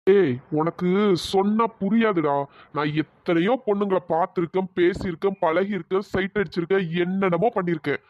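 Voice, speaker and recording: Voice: mid-range voice, fairly even intonation, brisk, dry recording, lightly acted. A performer voicing a brash, bossy young cartoon man who talks in a mid-range voice and orders people around. The lines come from a dry, dull lo-fi voice track. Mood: boastful. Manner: bossy and threatening, then pleading. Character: brash young man pushing a girl for her number.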